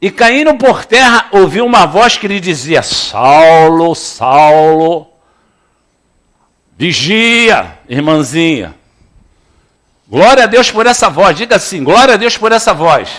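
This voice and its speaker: A man's voice: high-pitched, a little fast, hardly any pauses. A man preaching a sermon in a church, playful and calling on the congregation to respond. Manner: lively, playful preaching with audience call-and-response. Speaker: pastor.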